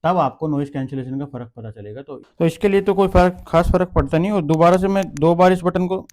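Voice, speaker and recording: Fast-talking man demoing gear. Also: fairly high pitch, a little mellow, no room sound. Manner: chatty, explains step by step while handling gear. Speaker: tech reviewer vlogger. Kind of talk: casual product demo. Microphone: wireless clip-on mic.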